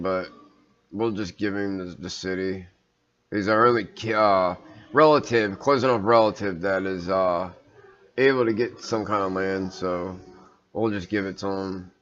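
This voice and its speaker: A man's voice: deep voice, fairly bright tone, highs cut off. A man hosting a strategy game video, talking casually and rambling with many fillers and hesitations. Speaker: gaming video host. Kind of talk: casual let's-play commentary.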